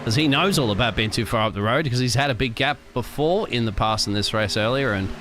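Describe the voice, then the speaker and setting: A man's voice: mid-range voice, fast talker. Male motorsport commentator, faint noise behind. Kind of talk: conversational live sim-racing commentary.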